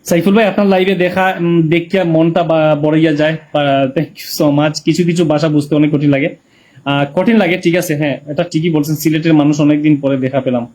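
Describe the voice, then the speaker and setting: A man's voice: on the high side, fairly even intonation, brisk, a little mellow. A man with a Sylheti Bengali accent chatting casually on a live stream, reading viewers' comments and greeting them by name.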